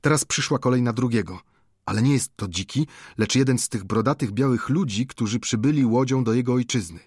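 A man's voice: medium pitch, brisk, darkish tone, breathy edge, dry recording, studio quality. Man narrating an adventure story. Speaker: audiobook narrator. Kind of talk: scripted narration of an adventure novel.

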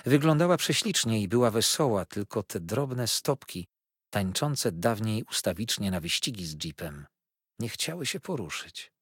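A man narrating a novel in an expressive, wistful storytelling voice. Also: fairly low pitch, normal speed, slightly rough, dry recording, clean studio sound. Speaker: audiobook narrator.

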